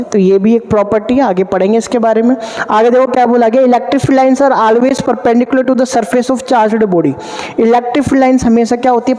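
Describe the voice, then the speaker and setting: A male physics teacher lecturing at a board, quizzing students with repeated questions and answering them himself. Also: extremely high pitch. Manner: addresses students warmly as 'beta'. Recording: long hall reverb.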